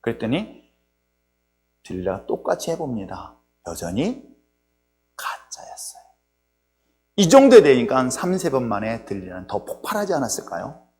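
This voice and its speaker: Animated male pastor preaching in a reverberant church. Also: mid-range voice, normal speed, pauses often. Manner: lively storytelling with humorous asides to the congregation. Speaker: senior pastor. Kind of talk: sermon. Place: church sanctuary. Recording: long reverb in a church hall, faint hum.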